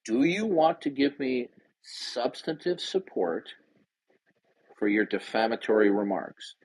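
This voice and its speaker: A man's voice: medium pitch, expressive, unhurried, a little mellow, husky, low-quality recording. A man hosting an online debate room, arguing in a confrontational, insistent way and repeating his demands. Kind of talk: argumentative live debate.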